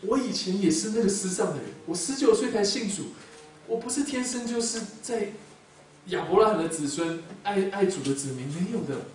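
A man from Taiwan, preaching a sermon as a pastor and telling his own testimony, emotional and swinging between loud emphasis and soft murmurs. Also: high-pitched, lively intonation, normal speed. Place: church hall. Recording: very echoey hall, speaker far from mic.

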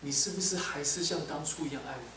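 Preacher doing a gentle lord asking soft questions over and over, echoey room, mic far away. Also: male voice, high voice, a little fast, noisy background, lightly acted. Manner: soft, probing repeated questions. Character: gentle, searching male lord questioning a disciple. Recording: echoey hall, mic at a distance.

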